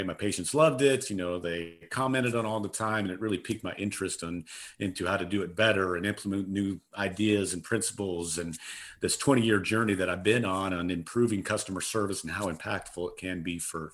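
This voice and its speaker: A middle-aged customer service consultant, appearing as an interview guest, answers questions in a deep, fairly bright voice at a brisk pace. He's earnest and emphatic and keeps repeating his key phrases.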